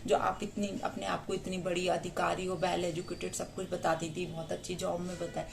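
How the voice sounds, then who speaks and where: A woman's voice: lowish voice, little pitch movement, moderate pace, vocal fry, soft background music. A woman in her thirties from India, talking straight to her viewers in an indignant, emphatic monologue full of rhetorical tag questions. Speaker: vlogger. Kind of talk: personal vlog monologue.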